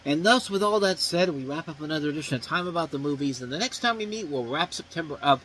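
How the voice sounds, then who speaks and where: A man's voice: on the high side, expressive, fast, a bit bright, a little hiss or hum, rough recording. Casual male movie reviewer. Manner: casual, rambling with fillers. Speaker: movie review show host.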